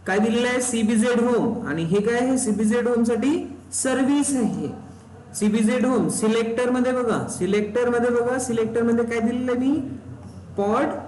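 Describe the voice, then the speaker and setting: A man's voice: very high voice, a little mellow. A man teaching a live technical class, often asking students questions and repeating key terms. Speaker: instructor. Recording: roomy echo, faint background noise.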